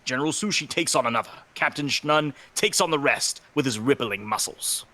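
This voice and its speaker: A man's voice: mid-range voice, expressive, fairly quick, sharp tone. A man narrating a fanfiction reading with friends, upbeat as he announces each speaker's cue. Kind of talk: casual chat and fanfiction narration.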